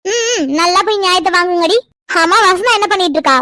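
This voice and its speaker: A woman voicing a busy, kindly middle-aged village aunt in a cartoon, brisk and teasing. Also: very high voice, pushed and bright, dry recording, clean studio sound. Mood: motherly. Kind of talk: cartoon voice acting.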